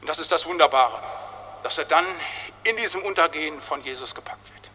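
A man preaching a sermon with great emphasis, moving between loud cries and hushed words and tagging phrases with "halt, nicht?". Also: fairly high pitch, lively intonation, fairly quick, in a large hall, a little hiss or hum.

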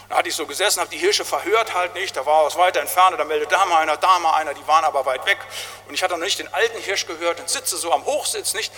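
A man preaching with a high, ringing voice that bounces around a large reverberant hall. He is emphatic, climbing into loud cries and then dropping to quiet words, and tags his phrases with "halt, nicht?". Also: fast talker. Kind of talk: sermon.

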